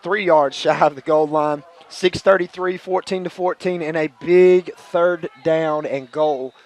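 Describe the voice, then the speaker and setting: Excitable man calling high school football. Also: a little slow. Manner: excitable, nervous, coughing. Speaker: play-by-play radio announcer. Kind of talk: local radio football play-by-play. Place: press box booth.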